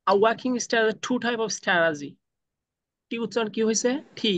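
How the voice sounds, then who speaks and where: A man with a Bangladeshi accent teaching a spoken English class over a video call, drilling pronunciation slowly, sound by sound. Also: high voice, lively intonation, fairly bright tone, slight background noise.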